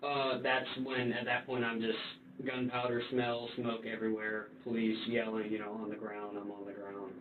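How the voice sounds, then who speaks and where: A young man answering in a police interview in a halting, rambling, informal way. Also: lowish voice, monotone. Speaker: suspect being interviewed. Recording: distant roomy, tinny, noisy interview recording.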